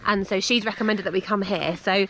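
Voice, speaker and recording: A woman's voice: mid-range voice, steady tone, a little fast, fairly bright tone, slight background noise. A middle-aged woman, chatting casually through a family travel vlog and laughing often. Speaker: vlogger. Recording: music underneath.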